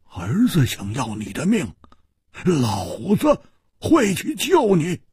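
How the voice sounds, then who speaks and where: A male storyteller voicing a brash, boisterous young swordsman who shouts and stammers excitably. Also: on the high side, slow pace, slightly rough, no echo, clean studio sound, pitched above the performer's own voice, heavily acted. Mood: puzzled.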